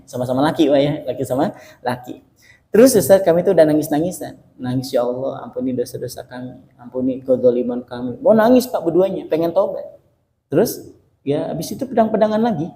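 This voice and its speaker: A man's voice: fairly high pitch, warm tone, slight background noise. A male Islamic preacher giving a humorous sermon, telling stories and often turning to address his listeners directly. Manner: joking, storytelling, often addresses listeners as "Pak".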